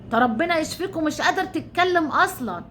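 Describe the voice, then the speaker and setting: Egyptian lady ranting at her channel, high voice, keeps swearing oaths, faint rumble behind. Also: animated, fast talker, a bit bright. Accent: Egyptian Arabic. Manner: heated, repetitive, swears oaths often. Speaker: YouTuber. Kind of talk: ranting commentary.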